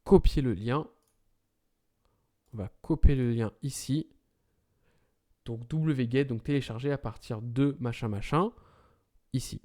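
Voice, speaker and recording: Mellow-voiced man explaining commands. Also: medium pitch, measured pace, pauses often. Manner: talks through commands step by step, with self-corrections. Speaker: tutorial presenter. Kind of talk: screen-recorded IT tutorial.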